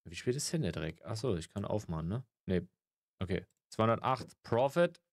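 Grumbling low-voiced gamer. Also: male voice, lively intonation, normal speed, no room sound, clean studio sound. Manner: grumbling, swears a lot, mock-polite shop greetings. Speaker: gaming let's player. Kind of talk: casual gameplay commentary.

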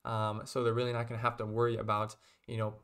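Young man talking flatly to webcam. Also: fairly low pitch, fast talker. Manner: steady, level delivery with frequent "um" and "kind of". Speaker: investing video host. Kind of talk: casual explainer to webcam. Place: small room indoors.

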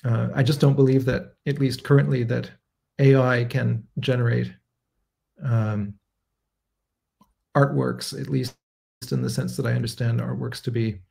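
A composer in his thirties answers viewer questions on a livestream from his bookshelf-lined home study, framed by a webcam at his desk. He's thoughtful and measured, pausing, using frequent fillers and correcting himself as he thinks. His mid-range voice is darkish with vocal fry and fairly even intonation.

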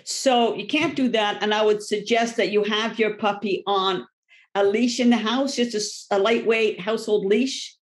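A middle-aged woman dog trainer giving a lively talk to a seminar audience, often acting out the voices of owners and dogs. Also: medium pitch, normal speed. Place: library event room.

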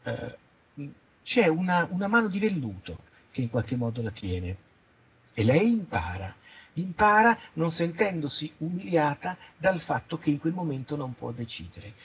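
Middle-aged man, husky and very rough, animated interview guest. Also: on the high side, normal speed, low-quality recording. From Italy. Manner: animated, frank, acts out little dialogues. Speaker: interviewed researcher. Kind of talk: radio interview, casual monologue.

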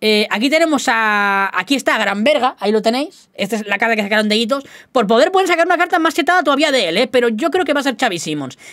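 A young gaming YouTuber with a slight Galician-tinged Spanish accent chats casually and rambles to his viewers, often making fun of himself. His voice is high and a bit bright, with no echo in the recording.

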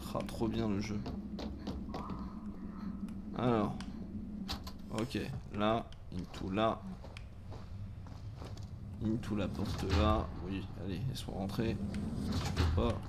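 A man's voice: fairly low pitch, fairly even intonation, takes it slowly, long pauses, heavy background noise. French-speaking man streaming a horror game. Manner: swears often, reacts loudly, groans. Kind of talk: live game commentary.

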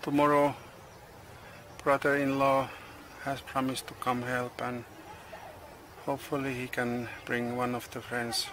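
A middle-aged man, not a native English speaker, vlogging outdoors on a tropical farm. His English is halting, with many pauses and uh's, and the camera is held at arm's length. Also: medium pitch, flat delivery, a bit bright, a little hiss or hum. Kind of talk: casual vlog narration. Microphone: handheld camera selfie and tripod camera.

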